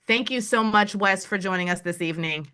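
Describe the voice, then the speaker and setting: Bright lady hosting an online adoption event, friendly and upbeat, video call sound. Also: mid-range voice, fairly quick. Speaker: event host.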